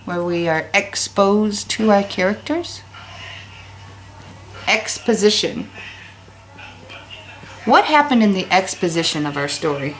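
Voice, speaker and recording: A woman's voice: mid-range voice, expressive, slow pace, long pauses, rough recording. Teacher lady reading a chapter to her class, casual and chatty when she explains. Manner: casual, chatty asides to students. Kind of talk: reading aloud and explaining a story to pupils.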